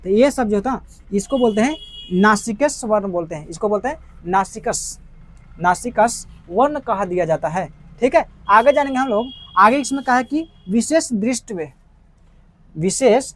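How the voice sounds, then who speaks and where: A man's voice: extremely high pitch, lively intonation, moderate pace, no echo. A man with a Bihari Hindi accent, teaching a grammar lesson, repeating terms and checking understanding with rhetorical questions.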